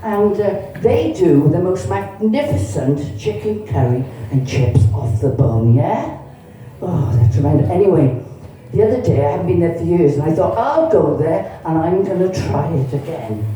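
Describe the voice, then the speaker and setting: In an echoey comedy club with slight background noise and a distant-sounding mic, a sixty-something woman from Cardiff, Wales, does bawdy, chatty stand-up and ribs the audience. Her Cardiff Welsh voice is low-ish, dark and animated, at a moderate pace.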